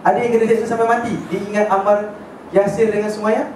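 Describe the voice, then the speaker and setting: A high-voiced man teaching a religious class, telling the story in a chatty way and often checking that his listeners follow. He is recorded from a distance in a very echoey hall. A faint hiss sits behind him. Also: flat delivery, fast talker, darkish tone. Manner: chatty, checks in with listeners, mixes in English words. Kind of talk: casual lecture storytelling.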